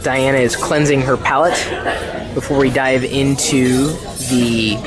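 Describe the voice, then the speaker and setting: A man's voice: medium pitch, steady tone, a little slow. A man hosting a casual food vlog, chatty as he describes dishes and teases in playful banter. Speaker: vlogger. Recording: music playing behind.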